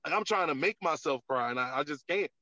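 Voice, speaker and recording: A man's voice: fairly high pitch, expressive, fast, sharp tone. A man, a comedian guest on a podcast, talking candidly in casual chat with lots of filler words. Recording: dull, lo-fi, dry sound.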